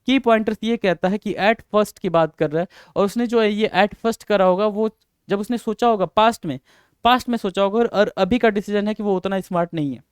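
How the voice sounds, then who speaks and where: Guy teaching grammar, kinda high voice, clear and dry, repeats stuff a lot. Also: no echo. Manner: mixes Hindi and English, calls students "beta" and "sir", repeats himself. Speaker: English teacher. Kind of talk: Hindi-English grammar lesson.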